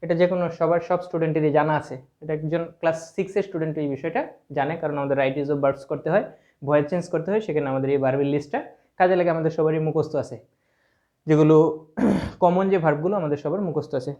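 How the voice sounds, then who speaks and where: A man with a Sylheti Bengali accent teaches an English grammar lesson step by step, spelling words out letter by letter. His voice is fairly high and mellow, and he speaks fairly quickly. The sound is dull and lo-fi.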